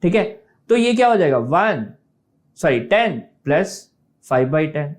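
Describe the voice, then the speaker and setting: A man's voice: a little high, big pitch swings, slow pace. A male maths teacher giving an online class, explaining step by step, mixing English terms into Hindi, and keeping on asking whether students have understood.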